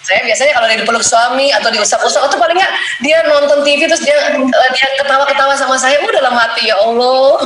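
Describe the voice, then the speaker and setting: A woman's voice: sits high, fast talker. A middle-aged woman giving a playful religious marriage talk to women, acting out little prayers and dialogues. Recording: echoey room with loud background noise.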